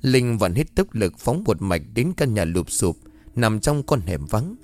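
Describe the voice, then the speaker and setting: A man reading a first-person horror story aloud in a slow, suspenseful narrating manner. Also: lowish voice, big pitch swings, warm tone.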